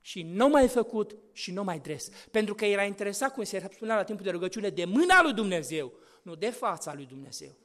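Male preacher, sermon delivery, high-pitched, dynamic from hush to loud. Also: very animated. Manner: swings between hushed whispers and loud, rising exhortation.

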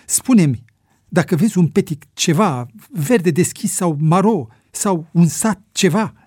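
A man's voice: sits high, lively intonation, a little mellow, husky, dry recording, clean studio sound, voice pushed up. A man voicing a panicked male bush pilot who cries out frantically, with Spanish exclamations, in a storybook reading. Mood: frantic.

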